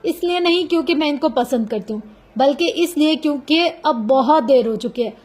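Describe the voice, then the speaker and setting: A woman's voice: high-pitched, normal speed, lightly acted. A woman voicing a proud, defiant young woman who speaks sharply and stresses each word, in a storybook reading. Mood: resigned. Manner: sharp, emphatic.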